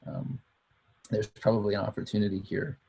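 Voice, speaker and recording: Gravelly, raspy low man. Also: steady tone, normal speed, highs cut off. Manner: warm agreement, hesitant with many uhs. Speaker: technical writer. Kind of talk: casual video call discussion.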